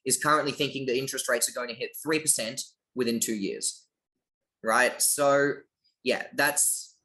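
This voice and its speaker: A man's voice: mid-range voice, moderate pace, pushed and bright, low-quality recording. An Australian man talking casually as an interview guest, his phrases often rising in upward inflection at the ends. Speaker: interview guest, finance project lead.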